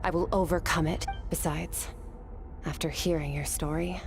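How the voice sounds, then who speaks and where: An actress playing a stoic, resolute young warrior disciple in a video game, speaking in a cool, measured, matter-of-fact way. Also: female voice, low voice, steady tone, vocal fry, background noise. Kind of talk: dramatic video game voice acting.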